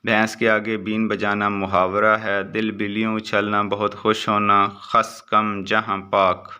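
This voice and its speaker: A man reading short exam answers aloud as a teacher, in a steady recitation with brief asides. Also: fairly low pitch, clear, resonant tone.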